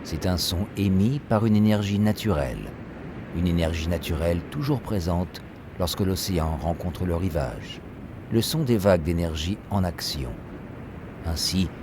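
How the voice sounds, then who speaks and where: Low-voiced man guiding a meditation over rumbling noise. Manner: calm, measured instruction. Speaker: guided meditation narrator. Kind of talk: scripted guided meditation narration. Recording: steady rumbling noise behind voice. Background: ocean wave sounds.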